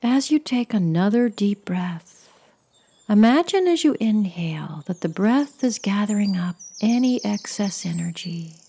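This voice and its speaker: A woman leading a guided meditation in a soft, soothing, breathy voice that often sinks close to a whisper. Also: medium pitch, animated, measured pace. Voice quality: breathy, husky.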